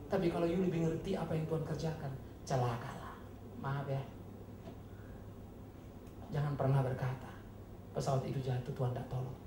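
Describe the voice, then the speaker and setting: A man preaches a sermon in a church hall, animated and mocking, jumping from loud bursts to low, earnest tones. His voice rings around the room with a roomy echo. A faint murmur of ambience sits underneath. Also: moderate pace, pauses often, background noise. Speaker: pastor.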